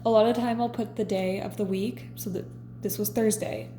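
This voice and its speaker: A vlogger in her twenties reads her diary entries aloud in a casual, confessional chat, relaxed and chatty. Her mid-range voice is mellow and soft-edged and moves a little fast. Faint hiss sits underneath, and the room is noticeably echoey.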